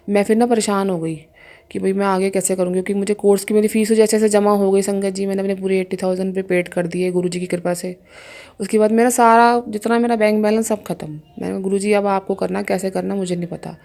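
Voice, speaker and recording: A woman's voice: mid-range voice, flat delivery, quick pace, mellow. A young woman giving an emotional personal testimony to a congregation, addressing listeners often as she tells her story. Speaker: devotee sharing a testimony.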